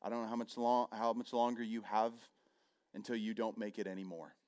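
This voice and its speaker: A man preaching a sermon and retelling a scripture story, swinging between loud and hushed delivery. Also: lowish voice, level tone, a little fast. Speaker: pastor.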